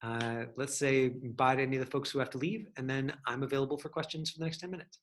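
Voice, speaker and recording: A man coaching actors online chats his way through a lesson and fields questions, rambling but supportive. He talks fast in a mid-range voice with fairly even intonation.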